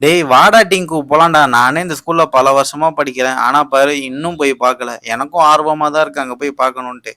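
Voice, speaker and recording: A bold teenage schoolboy leader, voiced by a man who talks his friends into adventures. The voice is bright and forward, recorded close and dry. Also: a little high, steady tone, brisk, few pauses, no echo. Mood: persuasive. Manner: confident, persuasive. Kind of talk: voice acting for a doll video.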